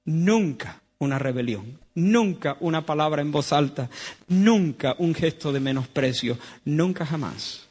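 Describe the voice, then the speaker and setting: A man from Spain with a Spanish accent, preaching a sermon in a church, swinging between loud emphatic lines and hushed tones. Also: a little high, animated, measured pace, slightly rough.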